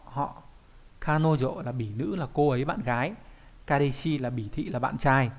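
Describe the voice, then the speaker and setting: A man with a mid-range voice teaches kanji in an online Japanese lesson. He often poses questions and then answers them himself.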